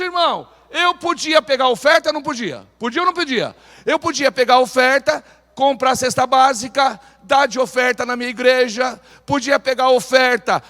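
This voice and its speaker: Animated preacher, high voice. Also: male voice. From Brazil. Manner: animated, calls on the congregation to repeat phrases. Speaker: pastor. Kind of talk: sermon. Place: church sanctuary. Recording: church hall reverb.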